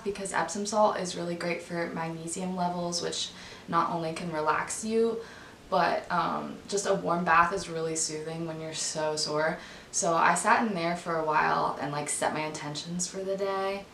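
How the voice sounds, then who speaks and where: Young female vlogger, raspy and on the low side, casual informal delivery, faint rumble in the recording. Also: steady tone, normal speed, a bit bright, echoey room, low-quality recording. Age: young adult. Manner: informal, frequent "like". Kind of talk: casual chatty vlog narration.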